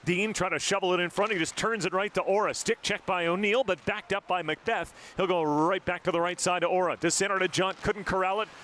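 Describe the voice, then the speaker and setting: High bright-voiced man calling hockey play-by-play. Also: steady tone. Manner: rapid clipped calls of each pass and shot. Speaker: play-by-play announcer. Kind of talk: live hockey play-by-play commentary.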